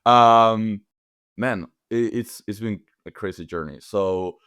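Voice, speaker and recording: Guest, Argentine man with a Spanish accent, smooth voice, pauses for English words. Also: on the low side, fairly bright tone, dry recording, clean studio sound. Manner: thoughtful, searches for English words. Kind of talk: casual podcast interview.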